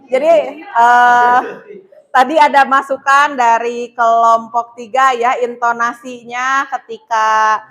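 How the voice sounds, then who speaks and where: A woman teacher giving feedback to a student group in a classroom, talking hesitantly with many pauses. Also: on the high side, fairly even intonation, fairly bright tone.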